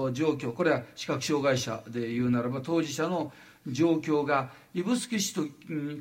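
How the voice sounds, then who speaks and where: An older man from Japan giving a lecture, halting with frequent fillers and lively asides. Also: on the high side. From Wajima, Noto Peninsula, Japan.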